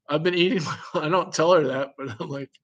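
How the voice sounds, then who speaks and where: This muffled recording catches a man chatting casually, his fairly bright voice pitched a bit above the usual male range. His talk is loose and rambling as he thinks out loud, tosses in curious little questions and keeps breaking into chuckles.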